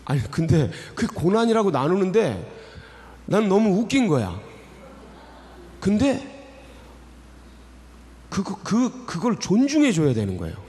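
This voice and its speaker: A man's voice: sits high, very animated, measured pace, long pauses, a little mellow. A man preaching an early morning sermon in a church, talking in a loose, emotional way and often breaking off to restart his sentences. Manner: emotional, conversational preaching with many fillers and restarts. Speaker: pastor. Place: church sanctuary. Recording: church hall reverb.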